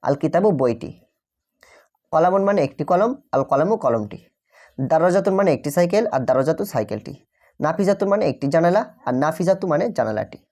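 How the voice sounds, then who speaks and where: Patient low-voiced woman teaching grammar. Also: lively intonation, mellow. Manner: patient, repeats examples slowly; checks understanding with frequent "okay?". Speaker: Arabic teacher. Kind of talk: explaining grammar lesson.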